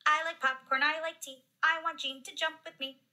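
High sing-song schoolgirl, sassy and cheerful, voiced by a woman, bright storybook voice. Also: steady tone, normal speed.

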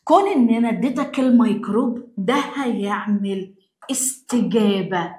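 A woman with an Egyptian accent, a biology teacher giving an exam review lesson, explaining in a lively way and firing rhetorical questions at her students. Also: a little high, normal speed, roomy sound.

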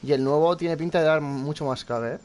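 A young man with a Spanish accent from Spain streams himself playing a horror game, chatting casually with his viewers and swearing frequently. His voice sits a little high, with a brisk pace and a darkish tone.

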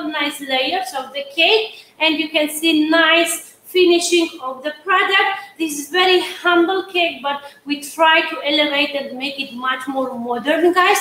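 Her pitch is extremely high and her tone sharp: a middle-aged pastry chef from Georgia, Georgian accent and broken English, chatting her way through a live cake demonstration while urging viewers on. She's unhurried yet hardly pauses. The recording comes from a large indoor studio kitchen, echoey with a faint hum.

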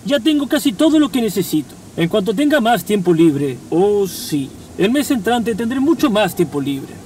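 A man's voice: high voice, big pitch swings, moderate pace, a little mellow, distant mic. An actor playing a weary family-man cop dreaming of retirement, rambling and melodramatic in a buddy-cop parody. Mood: dreamy boasting. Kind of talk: parody of dubbed American buddy-cop show. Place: inside a parked car. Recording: off-mic in car, faint traffic.

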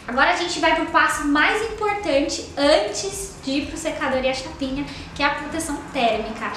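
Young Brazilian beauty vlogger, chatty and effusive, sharp bright tone, faint hiss behind her. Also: high-pitched. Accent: Brazilian Portuguese. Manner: chatty, gushing, lots of fillers like "tá?" and "ó". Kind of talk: casual product review. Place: small indoor room with a sofa. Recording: very echoey room with faint noise.

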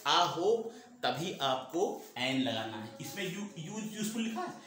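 Echoey Hindi-speaking teacher, lively voice. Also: male voice, on the high side, a little slow. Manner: repeats points, asks and answers own questions. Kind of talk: classroom lesson. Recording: very echoey room, faint noise.

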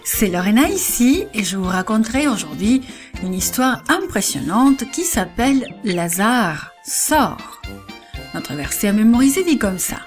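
A woman narrating a Bible story for children, unhurried and addressed straight to the young listeners. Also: medium pitch.

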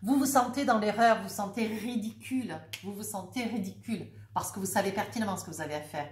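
A woman's voice: mid-range voice, quick pace, echoey room. A woman with a head cold giving a casual, jovial tarot reading to her viewers, chatty and full of little filler tags. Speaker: tarot reader.

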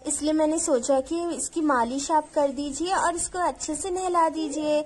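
A woman voicing an anxious, pregnant young village woman in a cartoon doll story, pleading and fretful. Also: sits high.

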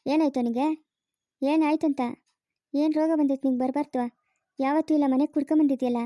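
A woman's voice: sits high, fairly even intonation, fairly quick, dry recording, clean studio sound, close to an everyday voice. A woman playing a stern mother scolding her grown son, speaking with a rural Karnataka Kannada accent in a homemade family drama. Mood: angry scolding. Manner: sharp, scolding. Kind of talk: amateur family drama acting.

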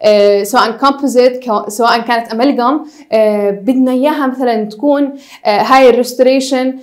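A young woman gives a casual university lecture, mixing in English technical terms and pausing often on hesitation sounds. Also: on the high side. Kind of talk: recorded lecture.

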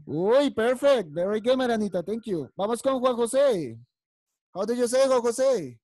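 A woman leads an online preschool English class, calling on children by name and praising each answer. Her voice is mellow and warm, recorded dry and close through a computer mic. She speaks with patient, encouraging warmth. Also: fairly high pitch, expressive, unhurried, no room sound. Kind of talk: online class teaching vocabulary.

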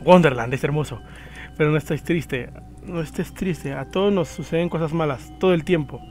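A man voicing eerie, bossy sixteen-year-old twin sisters, reading calm, insistent game lines. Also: a little high, normal speed, soft background music, natural voice. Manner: reads calm, insistent dialogue from the screen.

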